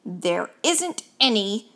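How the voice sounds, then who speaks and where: A woman's voice: medium pitch, sing-song, takes it slowly, bright, forceful tone, exaggerated voice. A woman reading aloud, voicing a fussy, complaining male mouse in a picture-book story.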